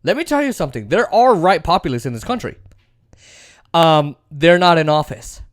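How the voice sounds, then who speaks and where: A man giving casual political commentary in a sarcastic, excitable way, often drifting into mocking asides. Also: a little high, moderate pace, dry recording, studio quality.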